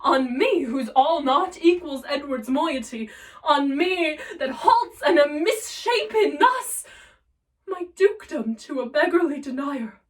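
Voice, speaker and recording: A woman's voice: high voice, animated, measured pace. A woman performing a Shakespearean soliloquy as a scheming, self-mocking male villain, theatrical and emphatic. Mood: mocking wonder. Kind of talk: classical Shakespearean stage soliloquy. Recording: voice distant from the mic.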